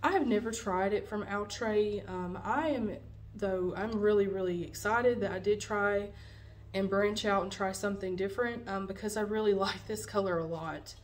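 At a moderate pace and medium pitch, a young woman reviews a wig in a casual home vlog, sounding a bit nasal because she has a cold. She fills her speech with fillers, recorded on a camera set in front of her in a dim indoor room.

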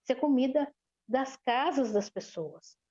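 A woman historian from Sorocaba with a São Paulo interior caipira accent, talking in a casual interview, animated and full of hesitant restarts. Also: sits high, unhurried, lo-fi sound. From Sorocaba, São Paulo state, Brazil.

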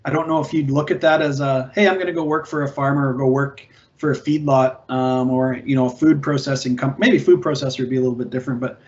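A man's voice: medium pitch, fairly even intonation, fast talker. A man in his forties speaking on a video call panel about ag technology, conversational, with many fillers and restarts. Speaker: ag tech company representative. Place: indoors, virtual background. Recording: dull lo-fi video call audio.

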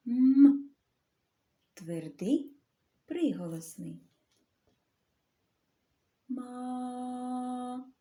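A woman teaching a literacy lesson to young children. She talks slowly and clearly and draws out the sounds. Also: mid-range voice, warm tone. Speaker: primary school teacher.

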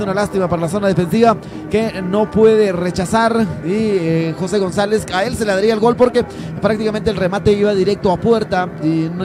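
A man giving explanatory football co-commentary in long, run-on sentences. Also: high-pitched. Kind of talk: match analysis commentary.

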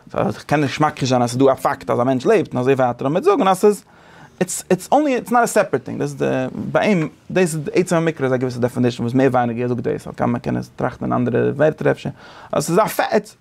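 Male teacher, casual lesson, rapid gravelly delivery, animated, thinks aloud. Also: on the high side.

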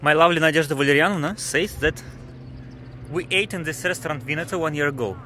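A man's voice: a little high, fast, bright, forceful tone. A man casually chatting to viewers in an upbeat travel vlog, filmed outdoors in a seaside town. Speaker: travel vlogger. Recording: outdoor street noise.

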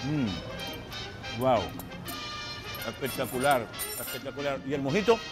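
A man's voice: medium pitch, animated, takes it slowly. A middle-aged man hosting a travel show on location, playful and flirtatious, talking straight to the viewers. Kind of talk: lively on-location presenting. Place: outdoor marketplace and open-air bar. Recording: loud music behind.

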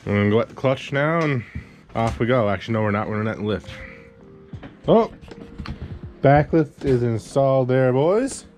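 A man's voice: mid-range voice, lively intonation, normal speed, pauses often, a little mellow, faint music behind. A man in his thirties from Newfoundland, hosting a casual shop vlog with laid-back, joking banter in a small garage workshop. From Newfoundland, Canada. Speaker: vlog host.

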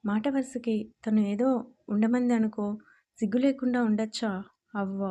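A woman's voice: a little high, steady tone, moderate pace, mellow, highs cut off, close to an everyday voice. A woman voicing a blunt, irritated young man who scolds sharply in a storybook reading. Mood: annoyed.

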